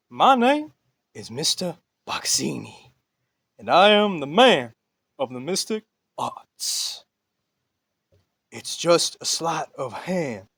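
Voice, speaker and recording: A man's voice: a little high, fairly bright tone, no echo, exaggerated voice. A man voicing a chatty puppet stage magician with theatrical, exclamatory patter in a puppet talent show act.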